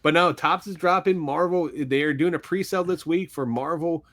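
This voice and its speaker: A man's voice: fairly high pitch, normal speed, a bit bright. A man with a Philadelphia accent, co-hosting a podcast in a rambling, casual way and laughing easily. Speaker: podcast co-host. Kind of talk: casual chat.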